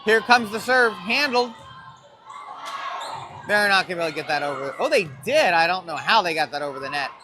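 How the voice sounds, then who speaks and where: Calling a school volleyball match from the gym, this announcer is casual and cheerful, naming players and their numbers on each play. His high, expressive voice moves briskly with frequent pauses, over noisy gym audio.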